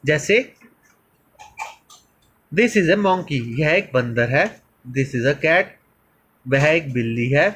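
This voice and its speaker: A man teaching English grammar in a slow lesson, calling viewers children and reading examples slowly. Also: on the high side, expressive, fairly bright tone, slightly rough, rough recording.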